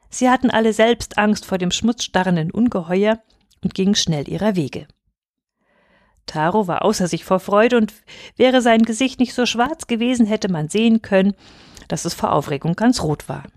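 Female reader, steady storytelling narration, mid pitch, dry close sound. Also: no room sound. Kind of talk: scripted narration of a folk tale.

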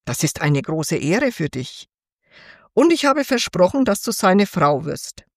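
A woman's voice: fairly low pitch, very animated, measured pace, no room sound, studio quality, exaggerated voice. A woman reading aloud voices a fussy old female field mouse in a fairy tale, insistent and matter-of-fact.

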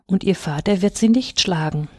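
A kind and sorrowful statue prince, voiced by a woman reading a storybook aloud. He speaks gently and pleadingly, and the sound is close and dry. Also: medium pitch, moderate pace, slightly rough, dry recording, close to an everyday voice. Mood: tender.

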